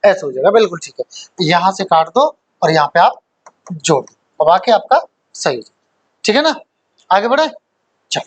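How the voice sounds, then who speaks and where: A man's voice: high-pitched, big pitch swings, normal speed, pauses often, slightly rough, rough recording. A man teaching a grammar class who quizzes his students, repeats key points, and mixes English terms into his explanations. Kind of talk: classroom lecture.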